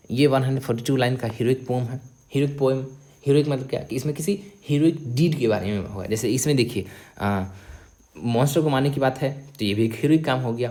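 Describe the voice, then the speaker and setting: A man's voice: mid-range voice, a little mellow. Man teaching step by step. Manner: explains step by step, often checks in with "ठीक है"; mixes English terms into Hindi. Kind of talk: exam-prep lecture.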